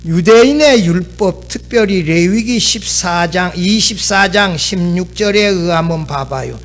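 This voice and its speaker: A middle-aged pastor preaches in a high, animated voice, now and then acting out the lines he quotes. Soft music plays faintly behind him. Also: measured pace. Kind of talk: sermon.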